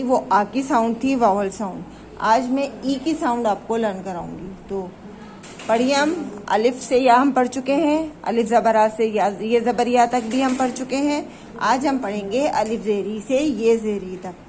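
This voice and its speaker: A woman teaching an online reading lesson to children, drawing out each letter sound slowly for them to repeat and mixing in English words. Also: fairly high pitch, a little mellow, a little hiss or hum, rough recording. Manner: slow, drawn-out letter recitation for repeating along.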